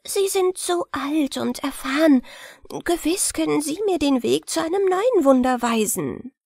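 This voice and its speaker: A woman's voice: high-pitched, lively intonation, a little slow, creaky, a little mellow, no room sound, clean studio sound, pitched above the performer's own voice, heavily acted. Woman doing a tiny pleading dwarf princess. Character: small eager dwarf princess, sweet and pleading.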